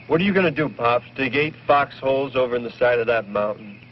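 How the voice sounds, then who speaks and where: An actor playing a defiant young hipster, mocking and slangy, in a muffled 1960s B-movie. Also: male voice, mid-range voice, a little fast, slight background noise, close to an everyday voice. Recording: muffled old film soundtrack.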